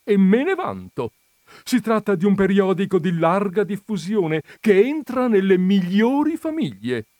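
A proud, easily offended noblewoman who writes for a society magazine, her voice pitched up and swooping with outrage, as a male narrator puts her on. She talks slowly and theatrically, every reply full of wounded pride, in a dry, close recording of a comic audiobook. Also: sing-song, darkish tone, no echo, full character voice. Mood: indignant. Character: haughty indignant noble lady columnist, proud and touchy. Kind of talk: audiobook reading of a comic story.

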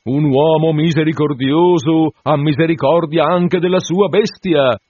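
A man's voice: fairly high pitch, steady tone, unhurried, a little mellow, dry recording, voice pushed up. A man voicing a jovial country curate who is fond of the hunt, with a hearty, chuckling manner, in a dull, dry recording.

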